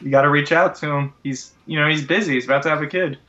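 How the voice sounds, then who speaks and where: A man's voice: fairly high pitch, fast talker, pushed and bright. A man chatting casually as a podcast co-host over an internet call. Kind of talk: casual chat. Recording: dull, lo-fi internet call audio.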